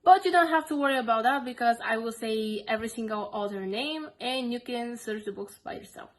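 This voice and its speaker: Against slight background noise, a young book vlogger with a Bulgarian accent talks a little fast in a fairly high voice. She earnestly reviews her crime books in a casual vlog, keeping her phrasing simple and saying "basically" frequently.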